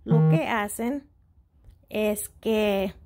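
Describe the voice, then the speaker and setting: A woman who hosts a shopping tutorial channel walks through a casual step-by-step tutorial in Spanish, slightly hesitant and mixing in English words. Her mid-range voice is expressive but extremely slow.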